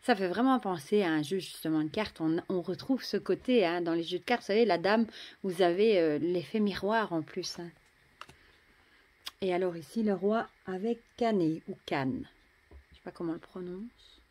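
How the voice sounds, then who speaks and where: A French woman casually showing and admiring tarot cards, chatty, often dropping to a soft murmur. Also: on the low side, normal speed. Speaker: tarot deck reviewer. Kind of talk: casual show-and-tell.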